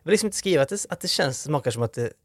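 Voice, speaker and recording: Co-hosting a casual podcast chat, a man with a fairly high, expressive voice uses many fillers and restarts and laughs easily. The recording is dry with clean studio sound.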